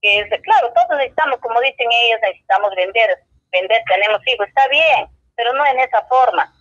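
In a street interview, an indignant Peruvian Spanish shopkeeper rambles on, breaking off and starting over many times. She talks fast in a bright, high-leaning voice, and the lo-fi recording sounds dull and dry.

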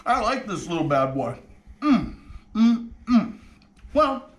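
A man's voice: high-pitched, sing-song, takes it slowly. A man in his forties hosting a cooking show, chatting enthusiastically to viewers as he cooks in a kitchen. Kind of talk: casual cooking demonstration. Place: home kitchen studio, indoors.

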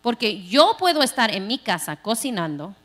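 A woman pastor delivers a lively sermon, acting out everyday scenes as she goes. Her voice sits high and moves a lot. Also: normal speed.

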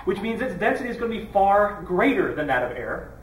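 A man's voice: high-pitched, very animated, a little fast, noisy background. A man explaining a chemistry demonstration in a casual, explanatory way, recorded from a distance with a roomy echo. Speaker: science demonstrator. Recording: roomy echo, mic far off.

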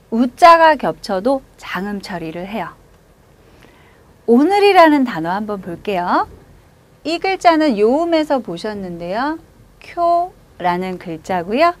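A woman teaching a language lesson, giving slow, drawn-out model pronunciations and patient explanations. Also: a little high. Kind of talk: classroom lecture.

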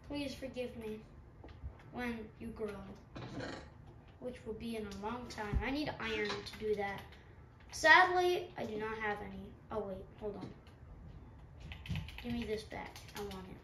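A woman with a slightly high, somewhat bright voice and a stuffy nose rambles and pokes fun at herself while playing a game for her channel. The let's-play audio is roomy, from a distant mic, with faint hum behind it.

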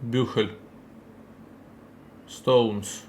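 Male streamer, casual pack-opening chatter, talks to chat, mid pitch, faint hiss behind. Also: fairly even intonation. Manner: chatty, addresses chat directly, quick reactions. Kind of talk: casual live-stream commentary while opening packs.

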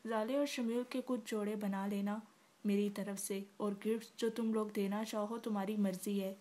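A woman's voice: mid-range voice, fairly even intonation, normal speed, mellow, close to an everyday voice. A woman reading the part of a practical older mother giving household instructions in a matter-of-fact way. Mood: instructive.

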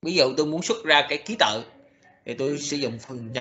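Explaining code slowly, a male programming lecturer halts often, filling pauses with hesitant sounds and restarting sentences. His fairly high voice is bright and forceful, though the recording is dull and lo-fi.

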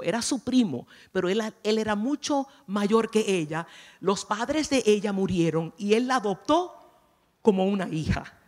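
A woman giving a chatty, playful sermon at a conference, often asking her audience questions. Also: high-pitched. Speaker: conference speaker. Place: church conference hall. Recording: long reverb of a large hall.

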